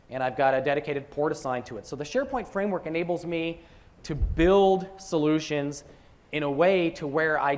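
A man presenting software at a conference, talking through a live demo with joking asides. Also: a little high.

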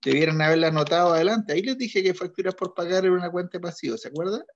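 A male teacher works through an accounting exercise, asking questions and confirming answers in a methodical, patient way. His voice sits slightly high for a man. The recording is dull and lo-fi. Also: rapid-fire, a little hiss or hum. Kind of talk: online class lecture.

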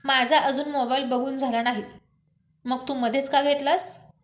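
A woman's voice: sits high, fairly even intonation, moderate pace, echoey room, natural voice. A woman reading a sulky, snappish young woman. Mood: irritated. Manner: snappish, curt replies. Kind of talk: storybook reading.

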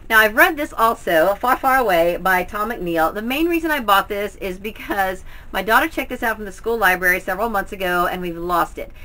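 Casting: middle-aged woman, bright forward voice, mid pitch, chatty home vlogger. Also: animated, fairly quick, few pauses, rough recording. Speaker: book haul vlogger. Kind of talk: casual, chatty book review to camera. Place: indoors at home, in front of bookshelves.

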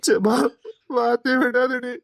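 A woman's voice: fairly high pitch, little pitch movement, slow pace, creaky, no room sound, studio quality. A woman voicing a young man who begs and cries for the love of a friend in an audio drama. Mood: pleading. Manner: pleading, crying.

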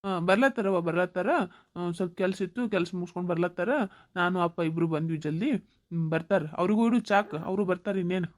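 Woman doing a calm soothing grown son. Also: lowish voice, fairly quick, close to an everyday voice. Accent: North Karnataka Kannada. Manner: soothing, placating.

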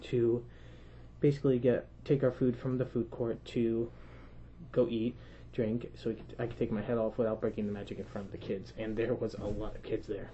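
A young man vlogging from inside a costume head, so his voice comes out muffled. He has a warm, mellow tone and a chatty, rambling way of telling his story. The recording is a bit dull and lo-fi, with faint noise behind him. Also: mid-range voice, flat delivery, normal speed. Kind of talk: casual storytelling to camera.

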